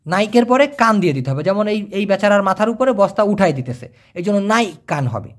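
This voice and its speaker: A language teacher, explaining vocabulary over pictures and checking understanding with quick questions. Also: medium pitch, animated. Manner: repeats each word and checks with quick questions.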